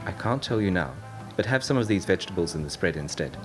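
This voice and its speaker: A man's voice: low voice, expressive, fast talker, music in the background. A man doing a watchful, protective animal companion. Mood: urgent. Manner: urgent, warning, matter-of-fact. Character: calm, watchful male pet animal, protective guide. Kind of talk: audiobook narration.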